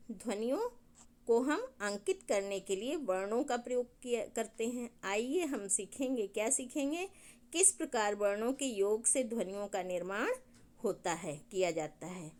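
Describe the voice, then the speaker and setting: A woman's voice: medium pitch, darkish tone. A woman teacher giving a recorded grammar lesson to schoolchildren, explaining patiently and asking questions she then answers herself, with said.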